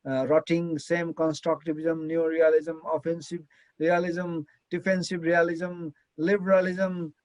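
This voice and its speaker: A man's voice: fairly high pitch, flat delivery, a little slow, darkish tone, no echo, poor audio. A man chairing an online academic panel, speaking hesitantly with many fillers and restarts over a video call. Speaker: session chair.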